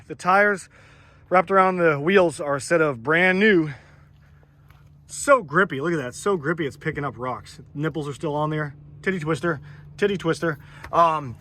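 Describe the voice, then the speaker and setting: A man's voice: on the high side, a bit bright, a little hiss or hum. A man giving a casual walkaround of a truck for sale outdoors, talking in a rambling, enthusiastic way with plenty of ums and uhs. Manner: rambling, filler-heavy, enthusiastic. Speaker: truck seller. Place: outdoors beside a parked truck.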